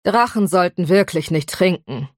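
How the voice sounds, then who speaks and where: A stern, calm male inspector, as a woman reads him in an audiobook. He speaks curtly and with command, in a lowish, dry voice. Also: normal speed, no echo, natural voice. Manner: curt and commanding.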